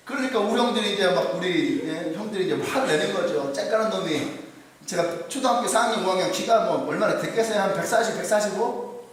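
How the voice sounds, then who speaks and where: A male pastor from South Korea delivering an animated sermon in a church, often asking the congregation questions. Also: high voice. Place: church sanctuary. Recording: very echoey hall, distant mic.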